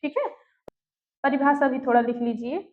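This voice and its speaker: A woman teacher giving an online class, slowly putting questions and answering them herself, and dictating notes word by word. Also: high voice. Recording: echoey room, tinny phone-like sound.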